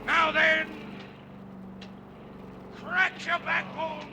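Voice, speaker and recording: High, raging mad Captain Ahab. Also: male voice, little pitch movement, drawn-out words, creaky, heavily acted. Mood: defiant frenzy. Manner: declamatory, theatrical. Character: vengeful mad old sea captain, defiant and doomed. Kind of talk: 1940s radio acting. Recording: noisy old radio, roomy echo, engine noise.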